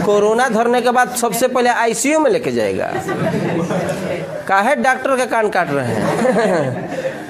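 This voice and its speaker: A man with a Bihari accent and a voice that sits high lectures on physics in a classroom. He jokes around and often repeats his questions to the class.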